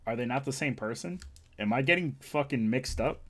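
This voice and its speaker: A man's voice: mid-range voice, lively intonation, a little fast, a bit bright. A young man livestreaming from his home setup, joking, teasing and reading his chat aloud in a casual way. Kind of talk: casual live-stream chat.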